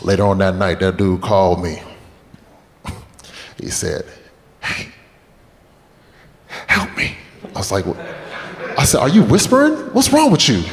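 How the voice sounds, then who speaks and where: This twenty-something comic has a low, very animated voice, yet he talks a little slowly and leaves long pauses. He's doing stand-up in a club full of long, echoing reverb, swapping loose, profane stories and chatting with the audience while laughter rolls in behind him.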